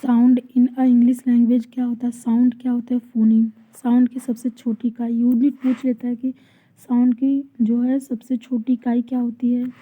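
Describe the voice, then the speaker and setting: A woman teaching an exam-prep lesson, asking questions and answering them herself, and reading out English definitions slowly. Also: a little high, flat delivery, dark tone. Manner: explains by asking and answering her own questions. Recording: tinny phone-like audio.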